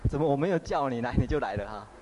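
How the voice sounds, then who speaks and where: A man's voice: mid-range voice, animated, very fast, heavy background noise, close to an everyday voice. A man voicing a startled young monk who has just left his bride. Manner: surprised, questioning. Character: startled young male monk, newly wed.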